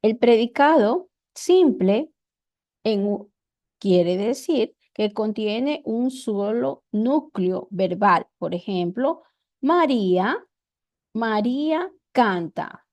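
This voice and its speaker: A woman teacher with an Ecuadorian accent, explaining grammar slowly and deliberately, repeating her examples. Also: fairly high pitch, expressive, a little mellow. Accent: Ecuadorian Spanish.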